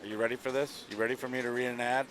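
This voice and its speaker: A middle-aged man from Long Island, New York, hosts a live stream from a tournament hall, speaking very fast in a steady, mid-range voice. He's chatty and upbeat as he reads chat messages and ads, with a noisy crowd audible behind him.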